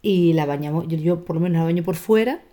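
A woman's voice: on the low side, fast. A woman co-hosting a casual podcast, telling stories and acting out voices. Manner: animated storytelling, acts out voices. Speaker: podcast co-host. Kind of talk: casual chat.

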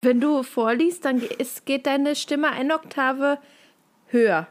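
A woman in her thirties co-hosting a casual podcast chat, blunt and teasing, quick to laugh. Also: high-pitched. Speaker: podcast co-host.

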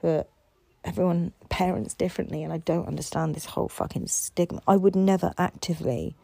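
A woman's voice: lowish voice, a little fast, gravelly, mellow, no echo. A tired woman in a candid solo podcast monologue, rambling and swearing a lot, frustrated and raw.

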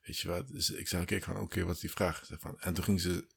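A man's voice: sits low, flat delivery, fast, vocal fry, fairly bright tone, slightly rough. A man casually telling stories on a podcast, full of slang and English phrases, acting out other people's voices. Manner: slangy, mixes English phrases into his talk; fills with "weet je wel" and "zeg maar". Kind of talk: casual storytelling chat.

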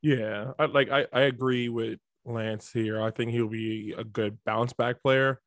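A man's voice: medium pitch, steady tone, unhurried. A man co-hosting a sports podcast from his home computer setup, chatting loosely and rattling off stats. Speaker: podcast co-host. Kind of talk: casual fantasy football chat. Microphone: home computer setup mic.

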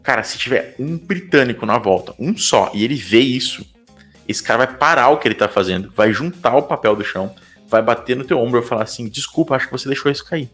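A man's voice: mid-range voice, animated, a little fast, fairly bright tone, soft background music. A young Brazilian man with a Brazilian Portuguese accent, talking casually as an interview guest and leaning on fillers like "cara" and "tipo".

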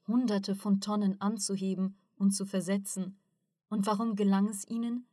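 A woman narrating an audiobook voices a calm, learned male mentor, patiently explaining things in a steady, mid-pitched voice close to an everyday speaking tone. The recording is dry and close, with no room sound.

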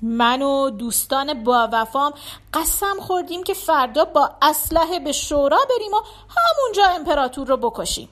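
A woman voicing a proud, cruel count who plots treachery, speaking loud and gloating. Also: high voice, very animated.

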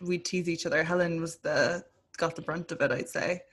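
A woman's voice: deep voice, moderate pace, slight background noise. A young woman, hosting a casual podcast chat and asking thoughtful questions. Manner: relaxed, thoughtful, asks questions. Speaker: podcast host.

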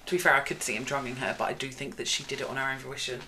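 A woman with a Northern English accent hosting a casual podcast, reading case notes aloud and breaking into loud mocking asides. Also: little pitch movement, very fast, a little hiss or hum, poor audio. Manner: reads quotes aloud, bursts into loud high mockery. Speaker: podcast host.

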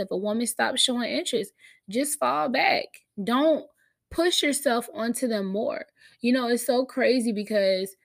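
Woman, American accent, fairly high voice, slight cold, casual podcast talk, frank, emphatic, slangy. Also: vocal fry. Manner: candid, emphatic, slangy and profane. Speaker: podcast host.

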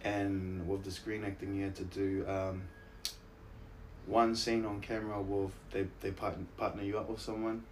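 A man with a fairly low voice and a broad New Zealand accent tells stories in casual interview chat. He is relaxed in manner, slangy and self-deprecating. Some ambient noise sits behind him. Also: normal speed. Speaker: interview guest, actor and musician.

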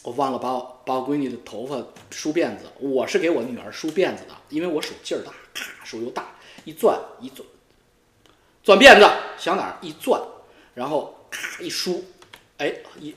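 Crude, excitable man streaming. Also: moderate pace, slight background noise. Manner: crude, teasing, swears freely; excitable with sudden loud high outbursts. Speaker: YouTube streamer. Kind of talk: rambling comedic monologue. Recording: echoey room.

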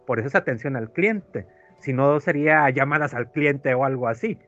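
A man's voice: mid-range voice, normal speed, a bit bright, muffled recording, soft background music. Chatty Mexican man telling a story. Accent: Mexican Spanish. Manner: rambling storyteller, acts out quoted voices, many fillers. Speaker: podcast co-host. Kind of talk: casual chat, telling an anecdote.

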